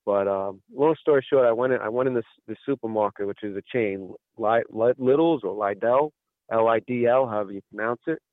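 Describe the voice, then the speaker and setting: A man's voice: on the low side, brisk, dry recording. A male caller on a radio call-in show, telling a long story and acting out what each person said. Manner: rambling storyteller who acts out quoted exchanges. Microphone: telephone. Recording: tinny phone line, dry.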